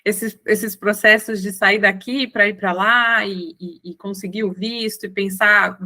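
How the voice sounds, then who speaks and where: A woman with a Brazilian Portuguese accent co-hosts a podcast and asks her guest a longer question. Her voice is bright and forward, and she moves quickly through her words while dropping hesitant fillers along the way. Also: mid-range voice, steady tone. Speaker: podcast co-host. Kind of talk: interview questions.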